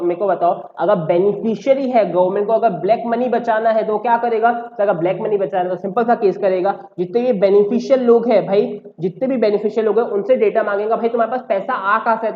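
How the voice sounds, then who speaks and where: A man teaching tax law in a lecture, mixing Hindi and English and answering his own questions. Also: high-pitched. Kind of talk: classroom lecture. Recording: roomy, dull lo-fi sound.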